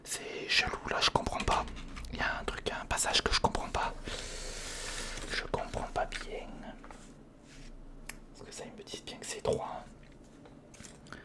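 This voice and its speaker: In unhurried ASMR commentary with long pauses, a creator mutters casually to themselves in a breathy, unvoiced whisper as they work with their hands. They repeat short, slangy phrases right up against a close studio condenser or handheld recorder.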